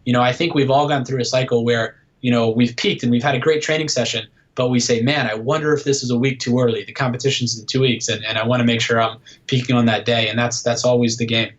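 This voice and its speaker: A man's voice: mid-range voice, steady tone, fast talker, few pauses, dull audio. A man in his thirties, a guest coach on a casual podcast interview, explaining things patiently with many fillers. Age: 30s. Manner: explanatory, lots of "uh" and "um".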